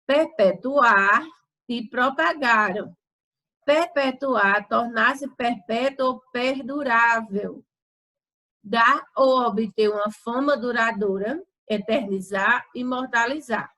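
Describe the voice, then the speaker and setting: A woman's voice: fairly high pitch, slow pace, sharp tone, rough recording. Patient Brazilian woman teacher. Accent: Brazilian Portuguese. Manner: patient, syllable-by-syllable stretching of words. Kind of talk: explaining homework corrections.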